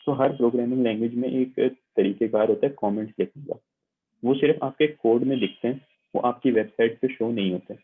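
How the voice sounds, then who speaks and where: Man, lab instructor, online lecture, patient step-by-step explaining, husky voice, narrow tinny audio. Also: mid-range voice, a little fast. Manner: patient, repetitive explaining with frequent check-ins. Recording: tinny, phone-like narrow sound.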